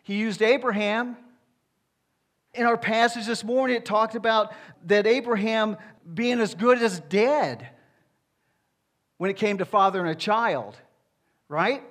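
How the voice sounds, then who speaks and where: High-voiced man preaching a sermon. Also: a little slow, pauses often, a bit bright. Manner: conversational preaching with rhetorical asides. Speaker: pastor.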